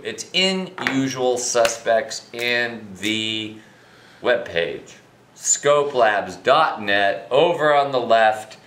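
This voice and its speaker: A man's voice: mid-range voice, fairly bright tone, a little hiss or hum. A middle-aged American man on a drunken, rambling, profane rant as a financial commentator, indignant and emphatic. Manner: emphatic, indignant, heavy swearing. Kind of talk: profane off-the-cuff rant to camera. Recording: echoey, roomy sound.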